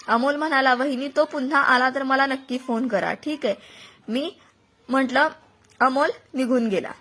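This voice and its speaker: A woman's voice: high-pitched, sharp tone. A woman narrating a dramatic first-person story, reporting what each person said as she goes. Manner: recounts events, voicing others' words within her telling.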